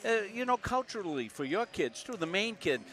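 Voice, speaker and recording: A man's voice: high voice, big pitch swings, brisk, fairly bright tone. Folksy older man calling a college game. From Massachusetts. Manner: folksy and rambling, with many filler sounds. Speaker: play-by-play announcer. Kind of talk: live basketball commentary. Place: courtside in a college gym. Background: music.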